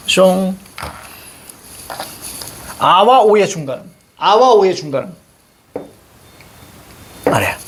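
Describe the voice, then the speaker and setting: Male teacher, husky and high-pitched, lively lecturing style that keeps quizzing the class. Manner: animated, asks the class questions constantly. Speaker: Korean language teacher.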